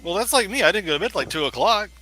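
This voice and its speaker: An easygoing man chats with friends and laughs readily. His voice is very bright and swings lively in pitch, sitting a little high. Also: rapid-fire, low-quality recording. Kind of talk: casual chat.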